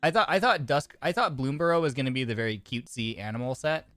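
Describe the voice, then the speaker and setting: A man with a medium-pitched, slightly bright voice talks quickly, with no echo and faint music in the background. Slightly congested with a sore throat, he streams a card game, chats casually, reads the cards out, and keeps restarting and using fillers.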